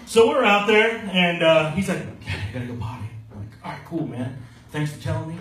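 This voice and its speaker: On a small club stage, a thirties-aged Maryland stand-up does a profane, brash set, impersonating people from his stories in a fairly high, sing-song voice at a fairly quick clip. Shot from the audience as he holds a handheld mic, the roomy, distant audio carries loud crowd laughter.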